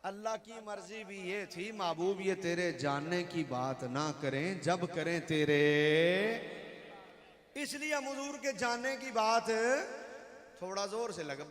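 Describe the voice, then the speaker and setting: High-voiced fiery male preacher, echoing hall. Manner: swings between shouted exclamations and hushed storytelling, sings devotional refrains. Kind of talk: fiery religious sermon with chanting. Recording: echoey hall with long reverb.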